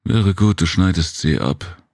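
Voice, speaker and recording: A man with a very deep voice playing a tired, gruff alien man with big ears in a storybook reading, talking in a weary, curt way. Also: expressive, a little slow, darkish tone, no room sound, studio quality, full character voice.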